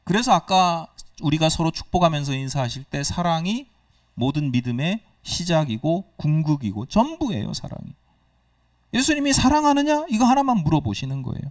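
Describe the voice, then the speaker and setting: A man's voice: a little high, animated, normal speed, no room sound, distant mic. A male pastor preaching a sermon, explaining with questions to the congregation and acting out quoted dialogue. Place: church sanctuary. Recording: dry sound, speaker away from the mic.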